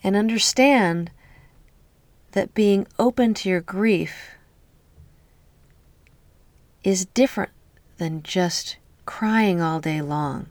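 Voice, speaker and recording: A woman leading a guided healing meditation in a soft, slow voice that often drops to a whisper, speaking close to the mic. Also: medium pitch, no room sound.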